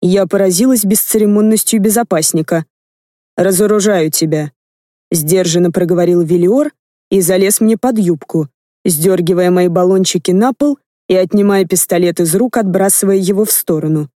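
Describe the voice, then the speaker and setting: A woman narrates a first-person fantasy audiobook in a lively, expressive way. Her voice sits low and mellow, and the recording is close and dry with no room sound. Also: moderate pace, dry recording. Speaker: audiobook reader.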